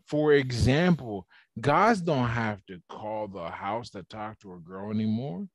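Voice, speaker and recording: A man's voice: fairly low pitch, animated, measured pace, no echo. A man being interviewed on a podcast, explaining his ideas at length in a casual, conversational way over a video call. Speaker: podcast guest.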